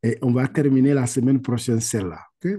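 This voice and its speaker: Speaking in a mellow, medium-pitched voice with a breathy edge, a man teaches Quran reading over a video call. He leads students patiently through each step, slowly lengthening Arabic words for them to repeat and checking with "ok?" often.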